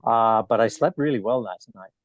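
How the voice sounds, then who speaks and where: A middle-aged native Danish speaker from Denmark chats casually as a podcast guest in a bar, sharing travel anecdotes in a rambling, self-interrupting way. His voice is on the low side at normal speed, and the lo-fi recording has no room sound.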